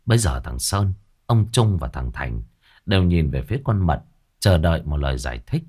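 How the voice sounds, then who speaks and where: A man narrating a ghost story in a dramatic, expressive way. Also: extremely low pitch, moderate pace, breathy edge.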